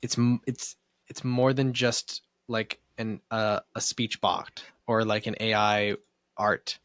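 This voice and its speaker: A young man co-hosting a podcast in casual chat, wry and jokey with quick asides. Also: lowish voice, level tone, fairly bright tone, dry recording. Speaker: podcast co-host.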